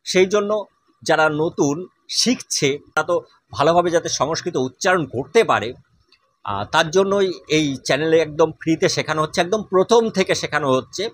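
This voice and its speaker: Husky male teacher drilling sounds. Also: a little high, expressive, a bit bright. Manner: patient, repeats each vowel sound slowly. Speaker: Sanskrit teacher. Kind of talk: spoken lesson on pronunciation.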